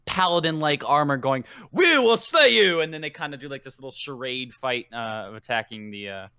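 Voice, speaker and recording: A man's voice: medium pitch, steady tone, a little fast, pushed and bright, clear, resonant tone, no echo, studio quality. A man narrating as game master of a tabletop game, rambling with many fillers and restarts.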